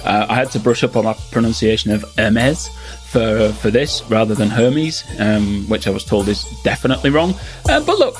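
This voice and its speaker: A man's voice: lowish voice, sing-song, moderate pace, faint music behind. A man with a Yorkshire accent, talking casually and self-deprecatingly as a podcast host. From Yorkshire, England. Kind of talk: casual chat.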